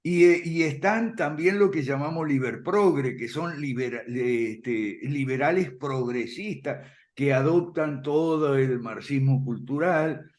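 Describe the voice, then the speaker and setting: A man explaining ideas in conversation, firm and emphatic, often checking in with a quick "ok?" and soft chuckles. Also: medium pitch. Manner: emphatic, repeats points firmly. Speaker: guest speaker on classical liberalism.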